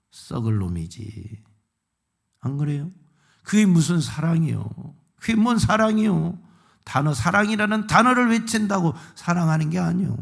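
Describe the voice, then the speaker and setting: A man's voice: fairly high pitch, vocal fry. A male pastor preaching a prayer-meeting sermon, impassioned and pleading, pressing the congregation with rhetorical questions. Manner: impassioned, swelling to fervent cries.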